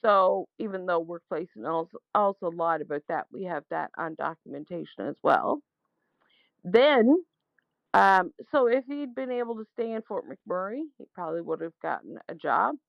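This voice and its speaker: A woman's voice: fairly low pitch, expressive, normal speed, gravelly, dry recording. A woman leaving a voicemail, airing a grievance in an indignant, insistent, emphatic and argumentative way. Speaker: caller leaving a complaint. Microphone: telephone. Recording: muffled, dull voicemail recording.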